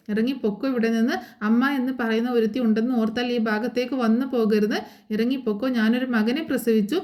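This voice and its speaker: This is an angry, heartbroken middle-aged mother from a TV serial, as a woman narrator reads her lines aloud. She scolds without pausing, rushing one cutting line into the next in a slightly raised voice. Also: on the high side, a little mellow, natural voice. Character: furious grieving middle-aged mother cursing her son.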